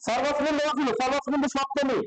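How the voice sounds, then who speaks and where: High-voiced man teaching a class. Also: level tone, very fast, fairly bright tone, rough recording. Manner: keeps asking the class questions and repeating answers. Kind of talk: classroom Sanskrit grammar lesson.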